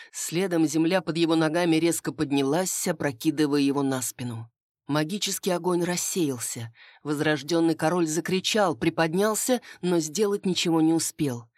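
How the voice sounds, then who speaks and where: A woman narrating a first-person fantasy audiobook in a steady storytelling manner. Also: sits low, no echo, clean studio sound.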